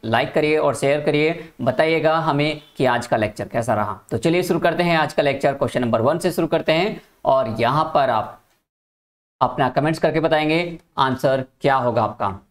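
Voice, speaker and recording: A man teaching an exam-prep lecture, reading out questions and options and coaxing his students with quick questions to answer. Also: on the high side. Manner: animated, asks students questions and coaxes them.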